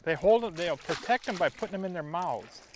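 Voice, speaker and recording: A man's voice: high-pitched, fairly quick. A man hosting a fishing show, chatting casually and coaching from a boat on a river. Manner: excited, coaching the angler. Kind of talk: casual on-the-water chat. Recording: outdoor boat audio, faint noise.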